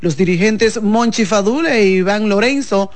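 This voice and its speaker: A woman delivers a news report with measured, formal phrasing. Her voice sits in the middle range. She reads in an even broadcast style. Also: mid-range voice, background noise.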